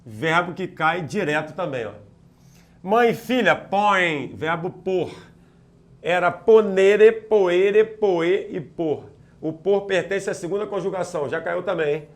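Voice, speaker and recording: A male teacher giving a lively exam-prep grammar lecture, energetic and checking in with the class after nearly every point. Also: sits high. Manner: energetic, peppers talk with quick check-ins to students.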